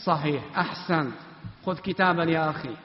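A man teaching an Islamic study class, quizzing students one by one in a commanding, brisk way with a sometimes chant-like delivery. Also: fairly high pitch. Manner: commanding, brisk orders to stand and sit. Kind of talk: classroom question and answer. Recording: echoey hall, dull lo-fi sound.

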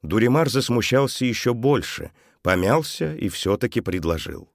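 A man narrating a children's story audiobook in a calm, even manner. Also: mid-range voice, normal speed, no room sound, studio quality.

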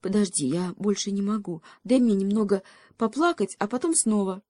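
A woman's voice: medium pitch, normal speed, warm tone, dry recording, studio quality, close to an everyday voice. A woman voicing a small, brave male hedgehog who urges his friend on while stoic through pain, in a storybook reading.

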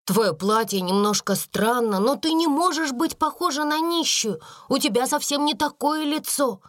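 A woman voicing a kind, timid, slow-witted schoolgirl who speaks hesitantly in a storybook reading. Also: low-pitched, lively intonation.

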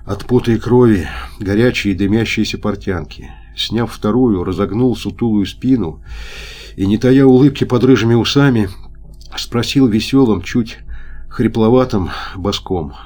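A man narrates a literary audiobook in a lowish voice. His reading is measured and steady, calmly carrying the story along. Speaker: audiobook reader.

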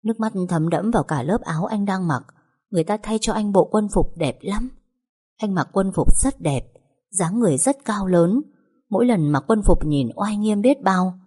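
A woman reading a first-person story aloud in a slow, sorrowful way. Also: mid-range voice, animated, dark tone, breathy edge. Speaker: audiobook narrator.

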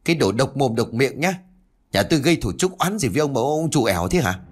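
A man voicing a sharp-tongued, angry old village woman who scolds and shouts. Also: fairly low pitch, very animated, fast talker. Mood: scolding.

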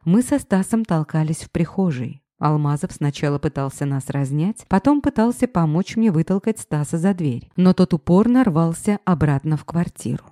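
A woman narrating an audiobook with lively storytelling. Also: deep voice, moderate pace, few pauses, no echo, clean studio sound.

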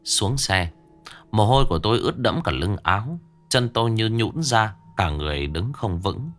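Deep-voiced man narrating a ghost story. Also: animated, normal speed.

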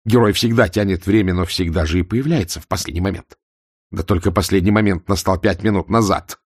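A man's voice: low voice, brisk, breathy edge, no room sound, studio quality. A man voicing a weary, bitter male watch captain muttering his thoughts in an audiobook.

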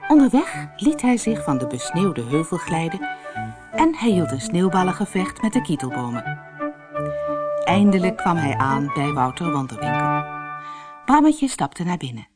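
A woman reading a children's storybook aloud with lively, expressive storytelling. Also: lowish voice, normal speed, over loud music. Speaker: narrator.

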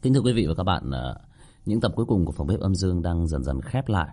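A man tells a ghost story in a deep, low voice with a husky, slightly rough edge. His tone is mellow and dark, while his pitch moves a lot as he narrates. He reads it like a serialized audiobook. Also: quick pace. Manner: lively narration with voiced dialogue.

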